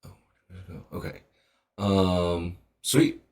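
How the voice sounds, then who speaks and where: A young man hosting a casual podcast, talking in a relaxed way with frequent ums and pauses. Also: deep voice, vocal fry. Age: young adult. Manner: relaxed, slightly halting with many ums. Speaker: podcast host.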